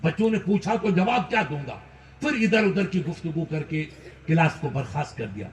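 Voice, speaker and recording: Impassioned high-pitched preacher in his fifties. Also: expressive, moderate pace, slight background noise. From India. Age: 50s. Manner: impassioned, rising to shouts. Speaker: Islamic preacher. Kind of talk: sermon. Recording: roomy, from far off the mic.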